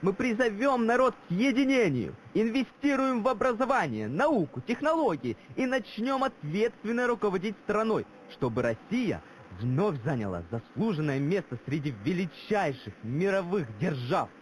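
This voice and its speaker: Пламенного советского патриота-оратора, шумная запись. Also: male voice, a little high, sing-song, unhurried, hardly any pauses, darkish tone. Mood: rousing. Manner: declamatory, solemn, grandiose. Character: fervent Soviet-nostalgic Russian patriot orator, grandiose and menacing. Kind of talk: scripted dramatic speech. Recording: clearly noisy background ambience.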